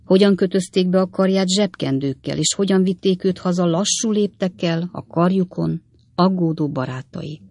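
A woman narrating an audiobook in a measured, expressive reading. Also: on the low side, no room sound.

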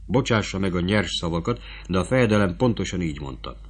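A fawning, scheming court prosecutor, put on by a male reader, wheedling and eager to strike a bargain. His voice sits fairly low. He pushes his offers with oily insistence. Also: lively intonation, slightly rough.

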